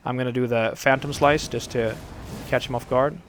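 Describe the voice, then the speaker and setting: A man with a dry, gravelly throat giving rambling, casual commentary over his own game duels. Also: medium pitch, normal speed, a little hiss or hum. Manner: rambling, relaxed, many fillers. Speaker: gameplay commentator.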